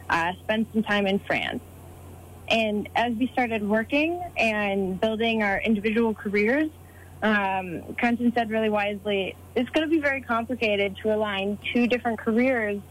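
A woman in her thirties answering interview questions, telling her story in a measured way. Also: on the high side, a little hiss or hum, poor audio. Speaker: guest.

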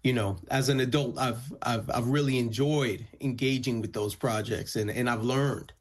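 Speaking at a moderate pace with fairly even intonation, a medium-pitched man answers interview questions as a musician guest. Spanish is his first language, and his thoughtful replies are full of restarts and fillers.

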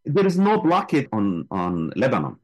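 A man's voice: medium pitch, wildly swooping pitch, moderate pace, low-quality recording. A man, a guest speaking with passion and emphasis in an interview. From Gaza. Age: 60s. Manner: impassioned, emphatic. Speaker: guest, flotilla volunteer. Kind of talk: interview answers.

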